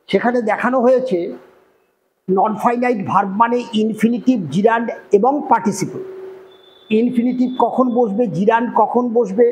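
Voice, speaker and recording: Man, Bengali accent, very high voice, grammar teacher, explains step by step, faint background hum. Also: rough recording. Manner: explains step by step, often checks "clear?". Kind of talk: online grammar lesson.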